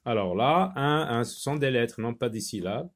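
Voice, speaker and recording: A man's voice: medium pitch, expressive. A man teaching a phonics lesson, patiently repeating words and spelling them out letter by letter. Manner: slow, deliberate word repetition.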